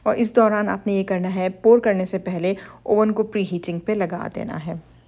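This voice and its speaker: A woman narrates a baking tutorial over her cooking footage, guiding viewers step by step. Her voice is mellow and warm-toned, sitting at an ordinary middle pitch. She sounds instructive and reassuring throughout. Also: fairly even intonation, normal speed. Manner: instructive, reassuring, addresses women viewers directly. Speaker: cooking channel host.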